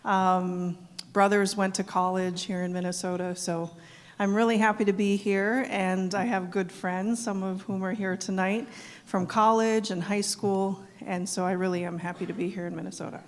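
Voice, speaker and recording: A middle-aged executive director from South Dakota answers interview questions at a live evening event, earnest and saying "um" often. Her mid-range voice has little pitch movement and a moderate pace, and the event hall gives a long reverb.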